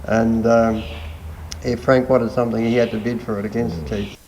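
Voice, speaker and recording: An older man with a rural Australian accent, reminiscing in an unhurried, laconic country drawl. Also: mid-range voice, flat delivery, a little mellow, poor audio. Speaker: retired livestock agent reminiscing. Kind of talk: oral-history reminiscence. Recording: faint background noise and ambience.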